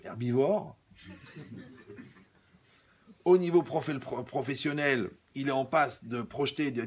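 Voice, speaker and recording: A man delivers a humorous sermon as a religious teacher. His voice is gravelly and husky, and his delivery is wry and teasing, full of stories and asides to the audience. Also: medium pitch.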